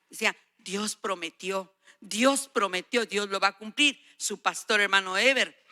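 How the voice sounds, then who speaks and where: A woman's voice: medium pitch, bright, forceful tone. A woman in her sixties or older preaching a sermon, emphatic and exhorting, repeating phrases for weight. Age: 60s or older. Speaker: guest preacher.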